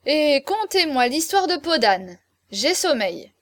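A jaded courtesan, sleepy and sad, ordering people about in a weary tone, as a woman reads her with a raised, bright voice. Dry, close sound. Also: sits high, sing-song, slow pace, dry recording, pitched above the performer's own voice, exaggerated voice. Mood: bored, bossy. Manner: weary, commanding.

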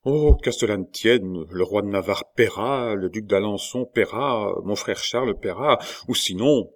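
A man reading aloud, voicing a bold, playful young duchess who explains a plan in a brisk, confiding way. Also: fairly low pitch, lightly acted. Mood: scheming.

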